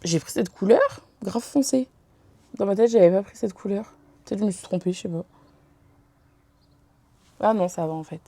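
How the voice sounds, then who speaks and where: A woman's voice: mid-range voice, normal speed, long pauses, dark tone, no room sound. A young woman from France chatting casually to the camera in her bedroom about her haul, enthusiastic and giggly with lots of slang. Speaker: beauty and haul vlogger. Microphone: camera very close to her face.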